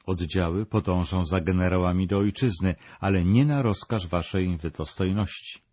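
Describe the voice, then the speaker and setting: A man's voice: deep voice, normal speed, darkish tone, dry recording, highs cut off. A man voicing a grave, blunt army general who speaks formally and solemnly, read within a documentary.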